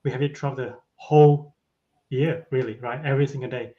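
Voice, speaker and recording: A man in his forties talks casually as a podcast guest, often ending his points with a quick "right?". His voice sits at an ordinary pitch. The audio is somewhat dull and lo-fi. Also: fairly even intonation. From Malaysia. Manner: tags sentences with a questioning "right?". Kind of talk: casual interview chat.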